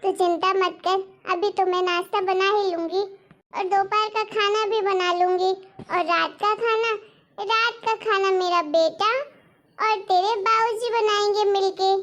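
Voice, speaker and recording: A woman's voice: very high-pitched, fairly even intonation, unhurried, fairly bright tone, highs cut off. A woman voicing a teasing, affectionate older mother-in-law who scolds playfully and insists on having her way in a cartoon story. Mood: insistent.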